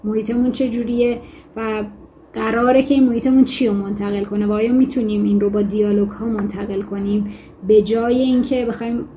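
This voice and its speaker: A woman teaching a lesson on fiction writing, explaining in a conversational way with self-corrections and reading passages aloud in a measured voice. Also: medium pitch, warm tone, a little hiss or hum. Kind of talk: lecture on fiction writing with read-aloud excerpts.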